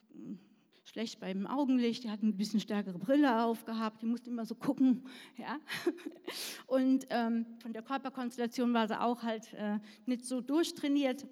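Woman preacher, chatty storyteller, a bit high, reverberant church hall. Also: darkish tone. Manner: chatty, self-deprecating, asks "ja?" to the audience. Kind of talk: sermon with personal story.

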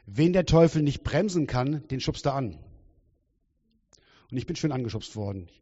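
A man in his fifties preaching a sermon in a lively, humorous and theatrical way, often asking the congregation questions. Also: mid-range voice, moderate pace, breathy edge. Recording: dull sound with long hall reverb.

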